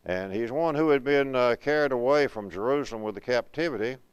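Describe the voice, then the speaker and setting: A man teaching a Bible class at a preaching school, reading scripture slowly and then explaining it conversationally, asking his students questions. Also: medium pitch, clear, resonant tone, dry recording, lo-fi sound. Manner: conversational, asks the class questions and answers them; reads verses slowly and deliberately.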